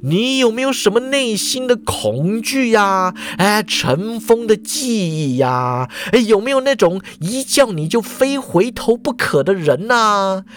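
A man voicing an excitable old male school principal who scolds and exclaims in drawn-out phrases. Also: sits high, pitched above the performer's own voice, full character voice. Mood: ranting.

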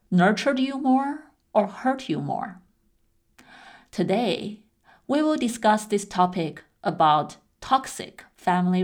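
A clinical psychologist hosts a podcast, introducing the topic and then interviewing a guest. Her medium-pitched voice is measured and clear, with an explanatory manner.

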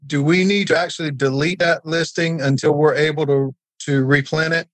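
A man's voice: a little high, fairly even intonation, normal speed, no echo. A man calling into a live video Q&A, asking friendly, straightforward questions. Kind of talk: casual chat on a video call. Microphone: video call.

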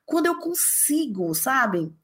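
A woman from the interior of Bahia, speaking as a guest in an interview in an emphatic, passionate way with big pitch jumps. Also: very animated, slow, fairly bright tone. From interior of Bahia, Brazil. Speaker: guest, parenting author. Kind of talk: conversational interview.

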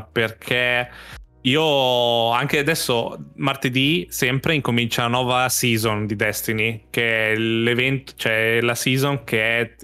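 Bright-voiced rambling man. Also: mid-range voice. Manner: rambling, restarts, swears casually. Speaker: podcast co-host. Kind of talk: casual chat about video games.

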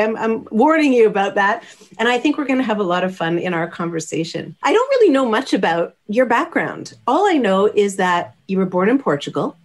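Woman host chatting upbeat with a guest, easygoing interview vibe. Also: medium pitch. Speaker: podcast host. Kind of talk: casual interview.

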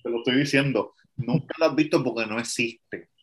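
A man's voice: medium pitch, fairly quick. A man co-hosting a podcast, chatting and cursing casually. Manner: profane, chatty recounting. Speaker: podcast co-host. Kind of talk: casual chat.

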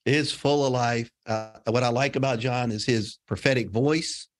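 A man's voice: medium pitch, steady tone, moderate pace. A man from Louisiana co-hosting a podcast in a mid-range voice. He jokes and teases his guest in loose banter. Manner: teasing, joking banter. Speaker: podcast co-host. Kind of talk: casual podcast conversation.

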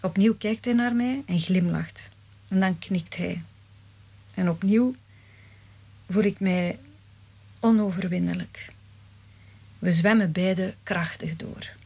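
A woman reading a first-person story aloud in a measured, dramatic way. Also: mid-range voice, darkish tone, breathy edge. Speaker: narrator.

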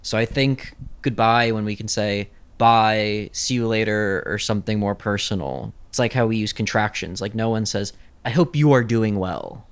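A man's voice: lowish voice, steady tone, moderate pace, few pauses, clean tone, no room sound. A man talking casually as a podcast guest, hesitant and full of "like" fillers. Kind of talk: casual chat.

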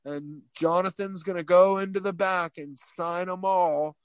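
A chummy, hyped Australian man as a storyteller puts him on rallies a waiting crowd in a raised, bright voice. The sound is close and dry, with no room around it. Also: sits high, fairly even intonation, a little slow, clear, resonant tone, dry recording, voice pushed up. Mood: announcing. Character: upbeat Australian man, airport crowd handler.

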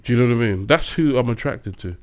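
A man co-hosting a casual chat, animated, laughing often, pressing his points with a preacher's emphasis. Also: medium pitch, fast talker.

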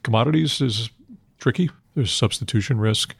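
An older man answering interview questions on finance in a measured, matter-of-fact investment banker manner, heavy with industry jargon. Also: medium pitch, vocal fry, slightly rough, no echo. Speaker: institutional investment manager being interviewed.

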